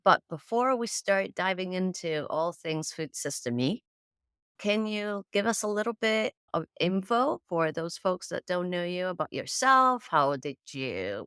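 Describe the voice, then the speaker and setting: A woman's voice: lowish voice, a bit bright, smooth, no room sound, studio quality. Upbeat woman hosting a podcast. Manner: upbeat, enthusiastic. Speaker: podcast host. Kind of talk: podcast intro and interview.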